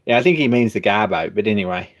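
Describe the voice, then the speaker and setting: A man's voice: fairly low pitch, animated, fast talker. A man, hosting a hobby machine shop live stream and chatting casually, rambling with restarts and chuckling now and then.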